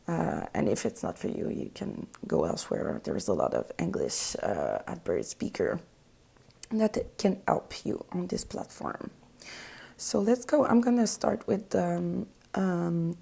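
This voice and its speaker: Softly and hesitantly, a young French woman reads tarot aloud in her native accent, frequently whispering and groping for the right words. Her fairly low voice has vocal fry and a breathy edge.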